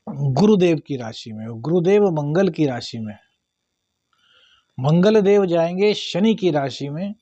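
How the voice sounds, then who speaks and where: A man's voice: on the high side, a little mellow, no echo, highs cut off. A man, an astrologer giving a monthly horoscope talk and advising viewers earnestly, calling them brother.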